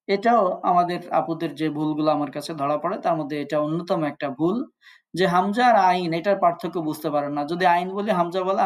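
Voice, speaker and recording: Man teaching Quran recitation. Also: fairly high pitch. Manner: explains step by step and sounds out Arabic letters to contrast them. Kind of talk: online tajweed class.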